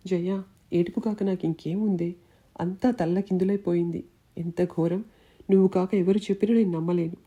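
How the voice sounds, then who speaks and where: A woman's voice: fairly low pitch, steady tone, normal speed, dark tone, breathy edge, lo-fi sound. A woman voicing a grief-stricken young wife who pleads in a tearful, despairing way, in a storybook reading.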